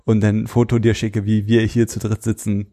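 A man's voice: on the low side, monotone, fairly quick, warm tone. A man co-hosting a podcast in casual chat, teasing and jokey. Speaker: podcast co-host.

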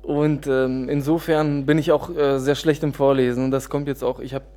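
A man from Germany, a guest author, talks in a casual, unhurried way. He pauses often, restarts sentences and fills gaps while searching for words. His voice sits at an ordinary middle pitch. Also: level tone, warm tone, soft background music. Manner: hesitant, many fillers and restarts. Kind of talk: casual interview talk.

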